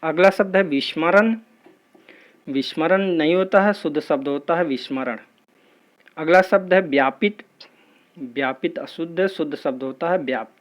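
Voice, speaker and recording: A man teaching an exam-prep spelling lesson in a steady, patient, methodical drilling way. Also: fairly high pitch, moderate pace.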